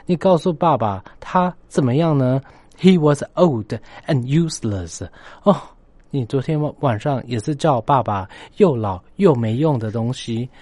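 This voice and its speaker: A man's voice: mid-range voice, a little mellow, no echo. A man hosting a story-based English lesson, emphatic, often repeating phrases and spelling words out letter by letter. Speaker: English teacher and host.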